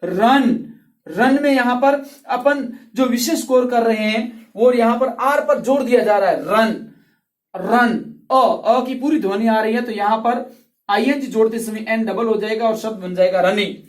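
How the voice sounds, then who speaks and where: A male English tutor explaining grammar rules slowly and patiently, repeating each word and drawing out its sounds. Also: extremely high pitch, recorded from a distance. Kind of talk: classroom grammar lesson. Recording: roomy, voice from off the mic.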